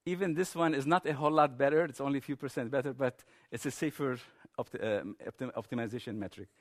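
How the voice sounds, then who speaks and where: A man's voice: medium pitch, fast talker. A man giving a technical conference presentation in an informal, explanatory manner.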